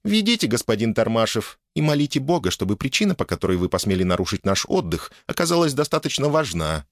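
Audiobook figure: icy young noblewoman, purring and commanding, pitched high, played by a male reader. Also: sing-song, quick pace, dry recording, studio quality. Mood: imperious. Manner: purring, imperious.

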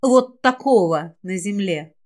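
A woman voicing a calm, aloof young woman who is a dragon shapeshifter in a fantasy audiobook, speaking matter-of-factly. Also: medium pitch, slow.

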